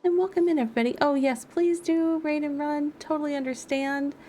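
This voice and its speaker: A woman streaming gameplay live chats casually and voices her thoughts as she plays. Her high, mellow voice moves a little fast with fairly even intonation, and there's a slight hiss or hum plus faint background music.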